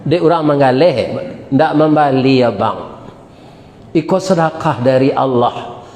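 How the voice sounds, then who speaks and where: A man's voice: mid-range voice, measured pace, slight background noise. Male preacher in an echoey hall. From West Sumatra. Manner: animated, emotional storytelling with laughter. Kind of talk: storytelling sermon. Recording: echoey hall with long reverb.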